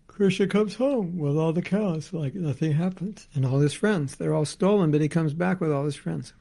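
Man, scripture class teacher, reads then explains, gravelly voice, mellow dark tone. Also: fairly high pitch. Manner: reads a passage then comments in casual asides. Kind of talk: reading and explaining scripture to a group.

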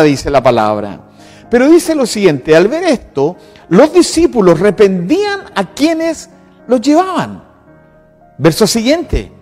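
A man's voice: sits high, darkish tone, long reverb tail. A Chilean man in his sixties preaching a sermon as pastor, emphatic and full of repeated lists. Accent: Chilean Spanish. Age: 60s.

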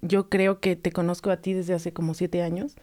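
Young adult Mexican woman, skating coach, animated casual storyteller, slightly low voice. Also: normal speed. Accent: Mexican Spanish. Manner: animated storyteller who acts out quoted voices. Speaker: roller skating coach and club founder. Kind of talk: casual interview talk.

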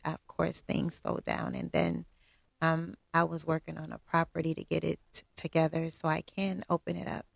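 A middle-aged woman telling a personal story to her viewers, blunt and self-assured, often pausing on "um". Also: fairly low pitch, gravelly, dry recording, studio quality. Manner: blunt, candid, self-assured straight talk with frequent ums.

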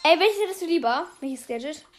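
A woman hosting a casual gaming podcast, chatty and excitable. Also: sits high, a little fast. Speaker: podcast host. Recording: music playing behind.

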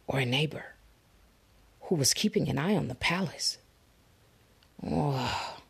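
A woman reading a children's fable aloud, slow and expressive. Her voice is low, gravelly and very husky. She often drops into soft whispers to build suspense. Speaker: storybook reader. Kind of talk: children's story read-aloud.

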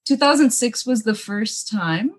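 A woman's voice: fairly high pitch, lively intonation, unhurried. A young woman with a mixed, hard-to-place accent, chatting casually as an interview guest, laughing often and using many fillers. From Middle East (Kuwait). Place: bungalow room with books at her parents' home.

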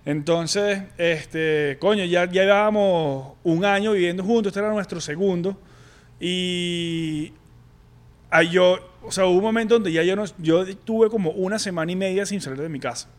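A young man with a Venezuelan accent candidly telling a personal story on a podcast, halting and full of slang. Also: high-pitched. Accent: Venezuelan Spanish. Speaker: podcast co-host.

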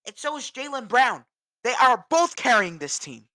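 A woman's voice: a little high, very animated, moderate pace, bright, forceful tone, dry recording, studio quality. A woman from New England ranting about her team in an agitated, repetitive way. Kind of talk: ranting sports vlog.

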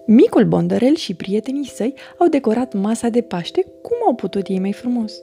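A woman reading a children's storybook aloud with an expressive, animated delivery. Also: on the high side, gravelly, soft background music.

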